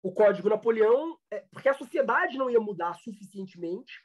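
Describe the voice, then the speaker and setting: A man's voice: high-pitched, animated, fairly quick. A Brazilian man, a law professor, giving a lecture with many fillers and restarts. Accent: Brazilian Portuguese. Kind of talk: online lecture.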